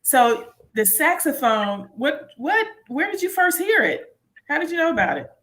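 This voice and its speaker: A woman's voice: high voice, very animated, unhurried, a bit bright. A woman hosting a casual interview in an effusive, encouraging way. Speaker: interview host.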